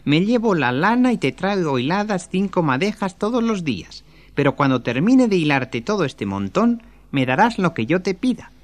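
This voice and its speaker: A man's voice: high voice, big pitch swings, no room sound, voice pushed up. A man voicing a sly little dwarf in a folktale, drawn out and coaxing. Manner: slow, coaxing, then gleeful.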